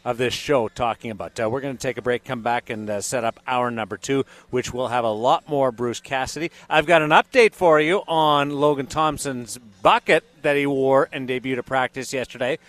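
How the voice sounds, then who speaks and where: Mid-pitched male sports radio host. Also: normal speed, hardly any pauses, fairly bright tone. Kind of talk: casual sports talk, hockey analysis.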